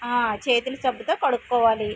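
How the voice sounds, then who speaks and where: A woman's voice: on the high side, a little fast, husky. A woman preschool teacher talking to small children in a classroom. She keeps asking questions, repeats the answers back, and gives simple, firm commands.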